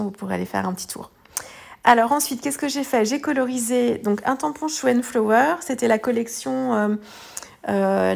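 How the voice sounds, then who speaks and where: A woman narrating her art journal tutorial in a loose, chatty voice-over, often pausing on fillers and restarting her sentences. Her voice sits a little high and is thick with gravelly fry. She sounds tired as she talks. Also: darkish tone. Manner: rambling, hesitant, many fillers and restarts. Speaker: art journaling video host.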